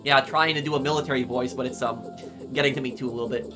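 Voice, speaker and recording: A man playing a story game, making casual, quiet asides between read-out lines, with faint game music behind. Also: medium pitch, fairly even intonation, very fast. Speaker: gaming YouTuber. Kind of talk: game playthrough commentary and reading.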